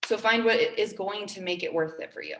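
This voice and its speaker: A young woman in her twenties gives an upbeat, earnest pep talk to her team and circles back on her key phrases for emphasis. Her voice sits at an ordinary middle pitch, and she is recorded in a room with noticeable echo. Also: brisk, a little hiss or hum. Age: 20s. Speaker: team trainer.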